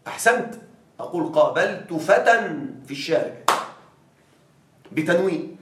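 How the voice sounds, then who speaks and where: A male teacher leads a grammar class and keeps prompting his students to finish his sentences. His voice sits a little high and carries through a roomy, echoing classroom. The mic picks him up from some distance. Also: animated, fairly bright tone. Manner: quizzes students with fill-in-the-blank prompts; slow, stressed reading of example phrases. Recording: echoey room, distant mic.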